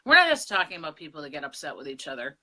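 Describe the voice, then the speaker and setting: A middle-aged woman from Pennsylvania co-hosting a casual vlog conversation, candid and animated. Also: deep voice, racing. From Pennsylvania, USA. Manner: candid, animated storytelling with laughs. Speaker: co-host.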